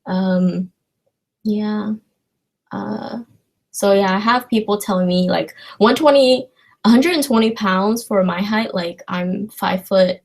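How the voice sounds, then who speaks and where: Speaking to her viewers as a livestream host, this young adult woman from China chats informally and answers their questions, often rambling and hesitating. Her medium-pitched voice has a creaky texture.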